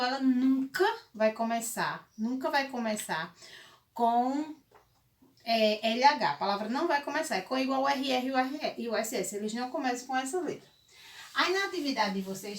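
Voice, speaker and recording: A woman teaching a remote lesson to young children in Brazilian Portuguese. She talks slowly and patiently, spells out syllables and keeps checking that the class follows. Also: on the high side. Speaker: primary school teacher.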